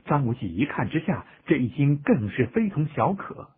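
A man narrating a story as an audiobook reader, with an expressive, dramatic delivery. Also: a little high, normal speed, husky. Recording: tinny phone-like audio.

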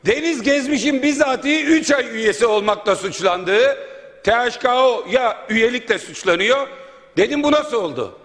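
A man's voice: very high-pitched, animated, normal speed, fairly bright tone. Indignant male MP at podium mic. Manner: indignant, rhetorical, listing points. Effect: speaking at a podium microphone. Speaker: member of parliament. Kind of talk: parliamentary floor speech. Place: large parliament chamber. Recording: long reverb of a large hall.

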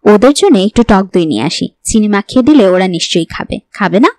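A woman's voice: mid-range voice, animated, brisk, mellow, no room sound, lightly acted. A woman voicing a young pregnant wife who is oddly cheerful. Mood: cheerful, teasing.

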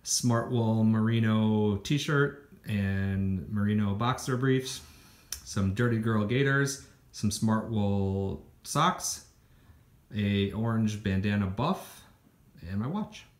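Speaking slowly in a voice on the low side, a young man walks through his hiking gear laid on the floor at home. It's a casual voice-over, listing items with lots of ums and restarts.

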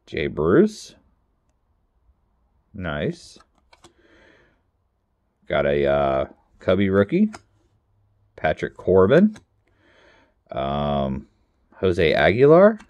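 Low-voiced excitable man opening card packs. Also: drawn-out words, long pauses, no room sound, lo-fi sound. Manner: excitable, talks to viewers, bursts into loud exclamations. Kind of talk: casual pack-opening commentary.

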